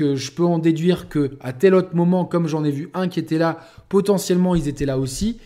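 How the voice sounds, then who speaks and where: A man's voice: on the high side, warm tone. A man reviewing a video game in a casual, rambling way, often restarting his sentences. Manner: rambling, many restarts and fillers.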